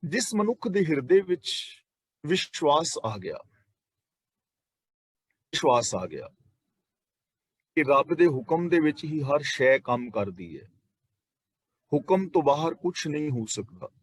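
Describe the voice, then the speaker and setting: A man explaining scripture as a preacher, reciting verses slowly and deliberately, then explaining them. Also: fairly high pitch, big pitch swings, husky, no room sound. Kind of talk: scripture exposition.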